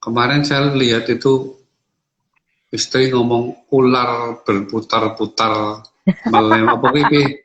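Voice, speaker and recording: Gravelly-voiced male interviewer. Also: medium pitch, steady tone, takes it slowly, long pauses, a bit bright, slight background noise. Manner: brief questions and murmured agreement. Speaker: host. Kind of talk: online interview. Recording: muffled online call audio.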